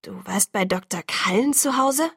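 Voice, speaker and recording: A woman voicing a gruff, protective middle-aged father who blusters and speaks in short bursts, reading an audiobook. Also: fairly low pitch, normal speed, no room sound, clean studio sound. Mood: stunned. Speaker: audiobook reader.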